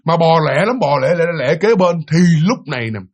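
A man's voice: fairly high pitch, animated, fairly quick. A man telling a ghost story in a chatty way, full of fillers and talking straight to his listeners. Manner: chatty, with many fillers, addressing the listeners directly. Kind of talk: casual spoken ghost story.

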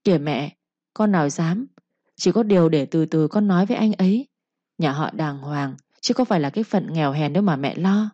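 A woman voicing a stubborn, pleading young village daughter in a told story, her voice raised and higher. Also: a little fast, dark tone, dry recording. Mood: defiant pleading. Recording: dull lo-fi recording.

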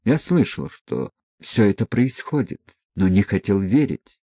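A man voicing a gentle, troubled young prince, speaking quietly and earnestly in a low, husky, mellow voice. The recording is close and dry, with a slightly dull tone. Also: sing-song, unhurried, dry recording, full character voice. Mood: anxious. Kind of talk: audiobook reading.

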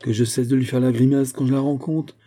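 A man's voice: mid-range voice, fairly even intonation, a little fast, dark tone, voice pushed up, natural voice. A man voicing a jovial young male officer in a novel, hearty and teasing as he talks. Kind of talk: audiobook character reading.

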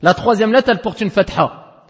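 A man teaching Quran recitation rules, repeating each word slowly and often checking that his students follow. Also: high voice, long reverb tail. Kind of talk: tajwid lesson explaining rules. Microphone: lo-fi audio recording.

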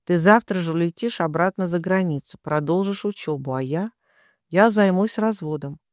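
A woman voicing a stern, brooding young husband in an audiobook, speaking in a quiet, hushed way. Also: fairly low pitch, moderate pace, no room sound, clean studio sound, natural voice. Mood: firm.

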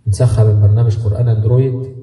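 A man's voice: lowish voice, flat delivery, very fast, mellow, echoey room, big-room sound, distant mic. A man with an Egyptian Arabic accent giving a Quran lesson as a sheikh, talking in a fatherly, coaxing way and answering questions. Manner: fatherly, coaxing, acts out parent-child talk. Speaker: sheikh teaching Quran commentary. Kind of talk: spoken religious lesson with live questions.

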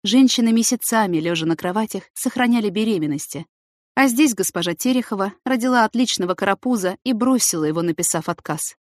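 A woman narrating a novel in a steady, even reading voice. Her voice sits at a middle pitch. The studio recording is dry and close, with no room sound. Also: fast, no room sound. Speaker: audiobook narrator. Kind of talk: scripted narration.

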